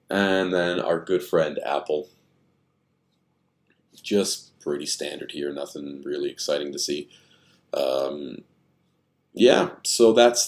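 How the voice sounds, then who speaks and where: Very deep-voiced man musing over charts. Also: a little mellow. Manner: rambling, thinking aloud with many fillers. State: tired and yawning. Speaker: stock chart commentator. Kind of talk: casual screen-share chart commentary.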